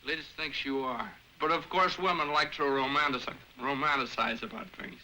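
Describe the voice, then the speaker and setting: An actor playing a shy young man in classic films, talking in a halting, hesitant way. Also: a little high, bright, forceful tone, rough recording. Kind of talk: classic film acting.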